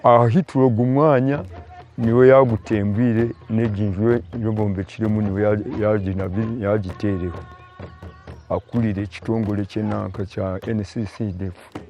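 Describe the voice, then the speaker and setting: A man, a community member explaining things in a measured way in a documentary interview. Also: on the low side, steady tone, warm tone, faint music behind.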